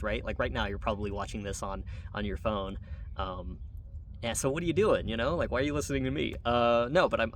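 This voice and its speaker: An American man from Wyoming talks as a channel host in an unscripted, introspective monologue, hesitant and rambling. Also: fairly low pitch. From Wyoming, United States. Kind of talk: unscripted reflective monologue to camera. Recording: distant mic, noisy background.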